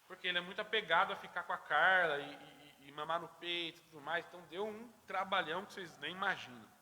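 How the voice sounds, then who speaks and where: A man teaching a church Sunday school class, telling a story in a lively way and acting out the voices. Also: high voice, quick pace. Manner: lively storyteller who acts out dialogue. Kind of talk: anecdote told to a church class. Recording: reverberant church hall.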